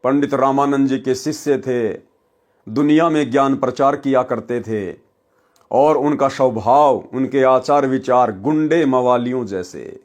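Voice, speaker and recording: A man's voice: mid-range voice, unhurried, darkish tone. A male preacher reading a scripture story aloud and stopping to comment, calling his listeners brothers and sisters.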